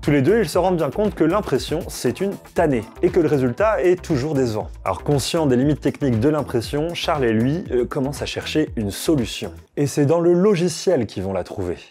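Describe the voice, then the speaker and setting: Male tech host, slightly raised pitch; scripted, playful explainer read over faint background music. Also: expressive, brisk, few pauses, a little mellow. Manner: playful, jokey asides to viewers.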